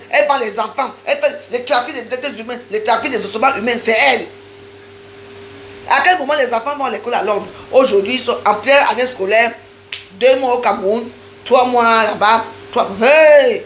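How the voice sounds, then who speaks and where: A woman's voice: on the high side, a bit bright, a little hiss or hum, rough recording. A woman delivering a heated, accusatory live-stream rant, talking straight to her viewers and repeating phrases for emphasis. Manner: accusatory, insistent, addresses viewers directly.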